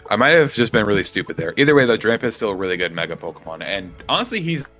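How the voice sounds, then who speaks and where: Young man with very low, lively voice. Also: very fast, soft background music. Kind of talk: casual chat.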